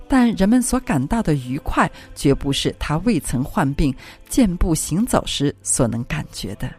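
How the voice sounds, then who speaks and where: A woman reading a religious classic aloud as an audiobook, with solemn, devotional and expressive phrasing. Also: deep voice. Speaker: audiobook reader. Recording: dry close recording with faint music.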